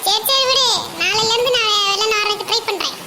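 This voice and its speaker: Voice actor as cheeky cartoon girlfriend, very high squeaky voice. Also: fast, bright, forceful tone, exaggerated voice. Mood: teasing. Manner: teasing, playful. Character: teasing young college girl friend. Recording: audible background noise.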